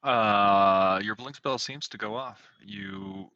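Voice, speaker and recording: A man running a tabletop game as game master, relaxed and jokey. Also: on the low side, takes it slowly, no room sound, dull audio.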